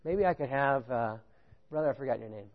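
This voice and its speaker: A man preaching a sermon, animated, often stopping to ask the congregation "right?". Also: a little fast, phone-quality sound. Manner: animated, rising pitch on key points, chuckles, asks "right?". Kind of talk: sermon with audience participation.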